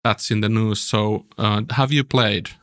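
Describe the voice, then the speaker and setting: A man's voice: on the low side, fairly even intonation, a little slow, a bit bright. A man, hosting a casual podcast and often repeating words as he goes. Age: 40s. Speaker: podcast host. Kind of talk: casual chat.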